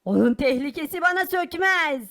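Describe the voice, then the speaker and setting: A shrill, hot-tempered poor boy. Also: lively intonation, a bit bright. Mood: indignant. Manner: bossy, scolding, quick to anger. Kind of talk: animated cartoon voice acting.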